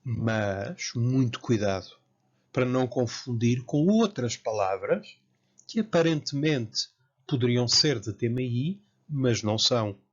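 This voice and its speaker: A man from Portugal with a European Portuguese accent, giving a careful, slow lecture as a Latin teacher. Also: mid-range voice, expressive. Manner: slow, careful, spells out word forms. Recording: dull lo-fi sound.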